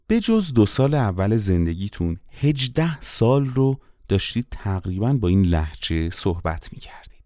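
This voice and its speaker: A man teaching a lesson on dialects and accents to voice actors, explaining in a lively, teacherly way and asking rhetorical questions. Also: on the low side, no room sound, clean studio sound. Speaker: voice-acting teacher.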